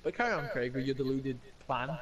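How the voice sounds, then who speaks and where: A man's voice: medium pitch, a little fast, over a noisy crowd. A man bantering sarcastically in an online game party chat. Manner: sarcastic, laughs a lot.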